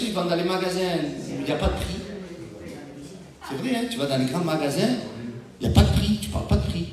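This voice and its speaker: A man preaching a sermon as pastor, emphatic, swinging between loud calls and hushed asides. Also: high voice. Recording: very echoey, from far off the mic.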